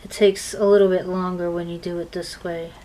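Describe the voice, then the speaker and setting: A woman's voice: lowish voice, little pitch movement, a little fast, mellow, low-quality recording. A woman giving a tarot reading, chatting casually with many fillers while she shuffles cards. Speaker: tarot reader. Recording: clear noise of card shuffling.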